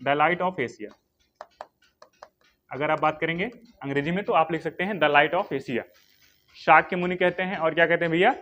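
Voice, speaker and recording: In a history coaching class, a man with a fairly high, fairly bright voice poses questions and answers them on his own. He dictates notes and repeats key names over and over, and there's slight background noise.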